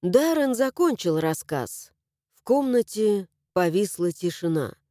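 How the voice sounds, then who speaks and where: A woman narrating a fantasy novel in the first person, expressive and emotional. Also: mid-range voice, unhurried, no room sound, studio quality. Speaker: audiobook narrator.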